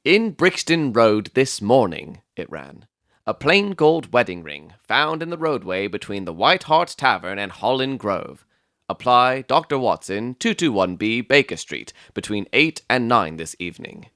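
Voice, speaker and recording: A man playing an earnest, thoughtful doctor who narrates a detective story in a measured, literary storytelling manner. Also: medium pitch, big pitch swings, a bit bright, no room sound, studio quality. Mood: pondering. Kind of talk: dramatic audiobook narration.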